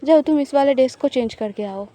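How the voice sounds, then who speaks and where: A woman's voice: sits high, fairly quick, warm tone, natural voice. A woman voicing a confident, teasing young woman who playfully reassures her partner in an audio love story.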